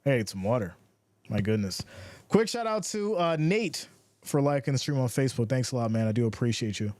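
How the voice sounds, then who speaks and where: A man's voice: medium pitch, lively intonation, brisk, a little mellow, no room sound. A man doing casual play-by-play for a football livestream, reading viewer comments between plays in a laid-back way. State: has the hiccups.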